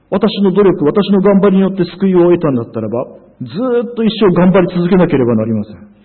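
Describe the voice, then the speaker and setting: Over a narrow, phone-like line, a pastor preaches a sermon with earnest emphasis, stumbling into frequent hesitations. His voice sits high and carries a slight roughness.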